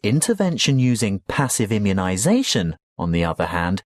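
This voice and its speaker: A man playing a health lecturer, giving a scripted academic lecture with measured, explanatory delivery. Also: lowish voice, very animated, dry recording, clean studio sound. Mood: formal, instructive. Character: male health lecturer addressing young students.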